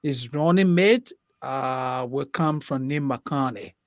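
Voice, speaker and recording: A man on a talk show panel, speaking slowly and deliberately with many fillers. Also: mid-range voice, no room sound, clean studio sound. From Liberia. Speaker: co-host panelist.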